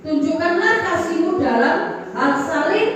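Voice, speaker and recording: High-voiced woman pastor preaching in an echoey hall. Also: animated, measured pace, recorded from a distance. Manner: preaching with call-and-response, singsong rises and sudden drops. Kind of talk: sermon. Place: large church hall.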